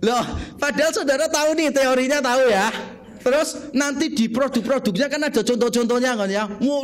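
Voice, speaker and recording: A middle-aged male pastor preaching a humorous sermon, telling stories and asking the congregation questions. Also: high-pitched. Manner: jokey, storytelling, asks the congregation questions.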